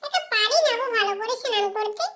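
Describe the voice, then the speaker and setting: A woman's voice: very high voice, fast, heavy background noise, voice pushed up. A woman voicing a small cheeky boy in a playful home role-play, babyish, giggly and clingy with his mother. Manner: babyish, giggly, calling out and teasing.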